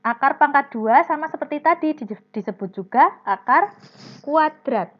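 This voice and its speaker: A woman with a fairly high voice teaches a primary class over a video call, patiently walking the pupils through each step and calling on them by name. The audio is dull and lo-fi, with a faint mains hum under it. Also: lively intonation, moderate pace. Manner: patient, explains step by step, calls students by name.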